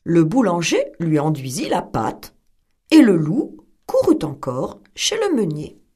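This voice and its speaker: A woman reading a fairy tale aloud in an expressive, dramatic storytelling manner. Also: fairly low pitch, a little slow, husky.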